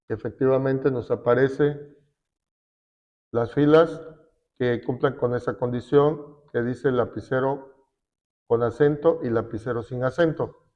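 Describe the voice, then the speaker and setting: A man teaching a class, slowly explaining a spreadsheet step by step with fillers. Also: mid-range voice. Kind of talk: classroom software lesson. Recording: dull lo-fi recording.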